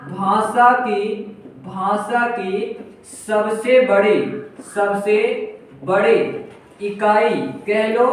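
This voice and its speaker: A man with a high voice teaches an exam-prep grammar lesson, repeating key words slowly and answering his own questions. He sounds set back from the mic in a very echoey room. A faint hiss sits under his voice. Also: far from the mic.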